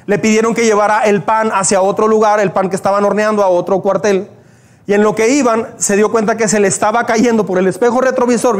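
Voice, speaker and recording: A man preaches, and his voice sits unusually high for a man. He tells stories and slips into the prayers and cries of the people in them. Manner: storytelling preacher, acts out quoted prayers. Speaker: pastor. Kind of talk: sermon.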